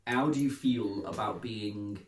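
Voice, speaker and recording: A man's voice: lowish voice, measured pace. A man hosting a casual chat, full of cheeky, teasing banter. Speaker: host. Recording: echoey room.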